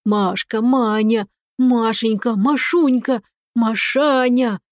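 A woman voicing a hysterical, whiny male talking cat who squeals and pleads in drawn-out wails. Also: fairly high pitch, no echo, studio quality. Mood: squealing pleading.

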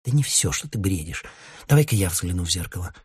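A man voicing a frantic, easily scared young woman in a storybook reading, with shrill panicky cries. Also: lively intonation, fast, breathy edge, no room sound, clean studio sound, heavily acted. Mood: flustered.

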